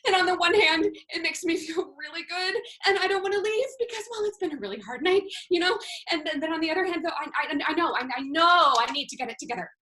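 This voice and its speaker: A woman's voice: very high voice, lively intonation, fast, hardly any pauses, bright, forceful tone, heavily acted, low-quality recording. A woman performing a monologue as a frazzled young waitress at a busy restaurant, telling her story in breathless, spiraling runs that tip into tears. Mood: weepy. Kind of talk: stage monologue over video.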